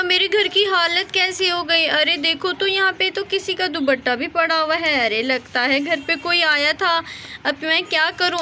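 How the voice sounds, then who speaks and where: A woman voicing a flustered village housewife in a doll storybook, exclaiming and gently scolding. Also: sits high, slight background noise, pitched above the performer's own voice.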